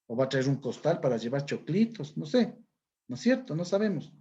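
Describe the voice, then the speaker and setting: Very animated and brisk, a man from Ecuador with a high-leaning, dark-toned voice and cut-off highs explains a recorded lesson step by step in an Ecuadorian accent. He regularly checks that listeners follow, often saying "¿no es cierto?".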